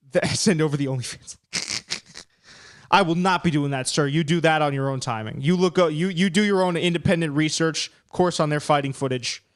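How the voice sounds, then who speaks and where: A talkative man hosts a casual live stream with a slightly high voice. He rambles and pokes fun at himself as he breaks down upcoming fights. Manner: chatty, rambling, self-deprecating.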